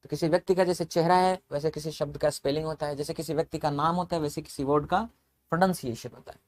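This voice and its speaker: A man's voice: fairly high pitch, fairly even intonation, quick pace, darkish tone. A man teaching English vocabulary in a lecture, explaining step by step, spelling words out letter by letter and repeating them. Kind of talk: classroom lecture.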